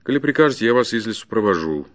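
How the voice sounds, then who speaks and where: A man voicing a gruff, stern forest guard who speaks in curt, commanding bursts, louder and higher than his reading voice. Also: lively intonation, rapid-fire, close to an everyday voice.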